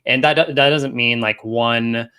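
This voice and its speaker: A man speaking as a guest coach in a casual live-stream interview, relaxed, with many fillers and restarts. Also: mid-range voice, slow, clear, resonant tone. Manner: laughs often. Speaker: guest coach and energy healer.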